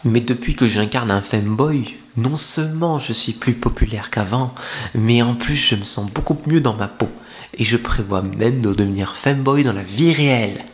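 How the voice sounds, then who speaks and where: In this maid café roleplay, a man voices a coy young femboy streamer hosting the listener, speaking at a moderate pace in a mid-range, everyday-sounding voice. The intimate ASMR stays playful and teasing as he confides directly to one person, though the mood turns reflective and confiding.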